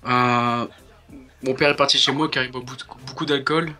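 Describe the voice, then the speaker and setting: Man playing troubled, halting caller, flat-toned, over the phone. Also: mid-range voice, faint music behind. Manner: halting, rambling. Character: troubled, bullied young gang member seeking help. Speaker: prank caller. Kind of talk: prank phone call.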